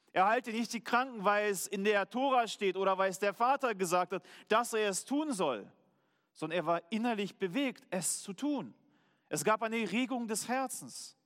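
A German man preaching a sermon as pastor, earnest, slowing down to stress key words. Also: sits high, a bit bright, big-room sound.

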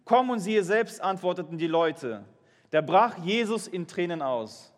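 High-voiced man preaching in echoing hall. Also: expressive, unhurried. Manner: earnest, questioning the congregation. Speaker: pastor. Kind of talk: sermon with Bible reading.

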